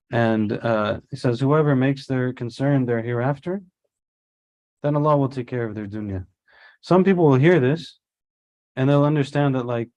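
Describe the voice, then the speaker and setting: Mellow-voiced man teaching a casual religious lesson. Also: medium pitch. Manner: conversational, explains with everyday examples and asides; mixes in Arabic religious terms. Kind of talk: casual Islamic study-circle lesson.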